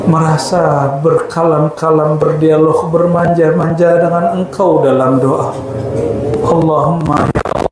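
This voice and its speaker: A man from Indonesia leading a congregation in prayer, pleading in short, repeated invocations. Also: on the high side. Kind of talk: sermon prayer. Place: prayer gathering hall. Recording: echoey hall with clear ambient noise.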